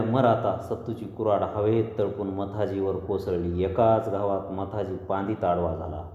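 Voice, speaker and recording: A man narrating a novel in a steady, dramatic storytelling manner. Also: low voice. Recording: echoey dull lo-fi reverb.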